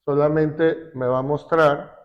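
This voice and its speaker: A man teaching a class, slowly explaining a spreadsheet step by step with fillers. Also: fairly high pitch, steady tone. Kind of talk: classroom software lesson. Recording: dull lo-fi recording.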